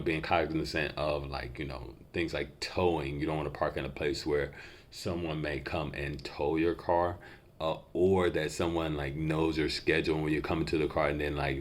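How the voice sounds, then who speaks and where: A man giving an unscripted intuitive reading as a psychic, feeling out impressions tentatively, piece by piece, like a mentalist. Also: rumbling low. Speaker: psychic reader giving channeled messages.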